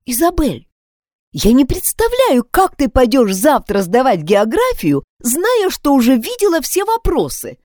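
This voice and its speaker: A woman's voice: high-pitched, wildly swooping pitch, unhurried, a little mellow, no echo, clean studio sound, pitched above the performer's own voice, exaggerated voice. A woman reading aloud, voicing an honest, earnest schoolgirl who urges her twin to do the right thing, in a storybook reading. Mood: reproachful. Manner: reproachful, urging.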